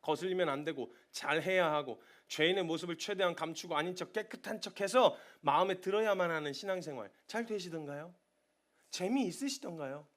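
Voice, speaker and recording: A man in his thirties delivers a sermon in a church. His voice sits high and climbs and falls in wide sweeps. He often turns soft and confiding, then builds to loud, impassioned appeals. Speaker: missionary preacher. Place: church sanctuary.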